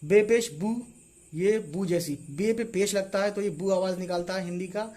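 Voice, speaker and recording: A man with a high, light voice runs a casual online lesson, spelling out letters one by one. He keeps checking in after each small point in a steady teaching rhythm. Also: normal speed. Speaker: Urdu teacher.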